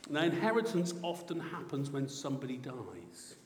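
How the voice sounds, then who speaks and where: A middle-aged man from England preaching a sermon, swinging between loud excitement and soft, reflective passages. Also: mid-range voice, moderate pace, slight background noise. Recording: roomy hall echo heard from a distance.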